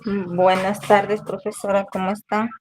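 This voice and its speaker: A young woman student answering her teacher in an online class, hesitant and pausing with fillers. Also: mid-range voice, little pitch movement, crowd noise. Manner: hesitant, fills pauses with "este". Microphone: video call.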